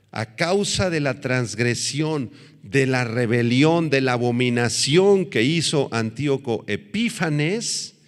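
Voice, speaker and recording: Preaching pastor, emphatic, in a reverberant hall. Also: male voice, medium pitch. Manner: teaches verse by verse, asks the congregation questions; swings between loud emphatic lines and quiet asides. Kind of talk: expository Bible sermon.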